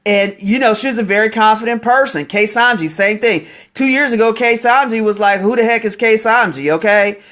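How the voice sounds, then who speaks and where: A man giving a motivational live stream as an online marketing coach, getting excitable and preachy while greeting viewers as they join. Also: high-pitched.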